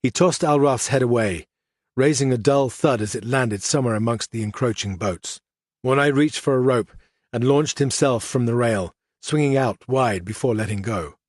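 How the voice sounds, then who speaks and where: A man narrating an audiobook in a measured, even reading style. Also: mid-range voice, no room sound, studio quality. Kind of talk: scripted narration.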